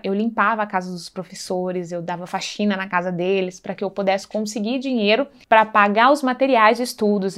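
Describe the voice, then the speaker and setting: A woman sharing a personal faith testimony in an earnest, conversational way, often checking in with her listeners. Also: medium pitch. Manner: earnest, conversational, acts out dialogue, frequent tag questions.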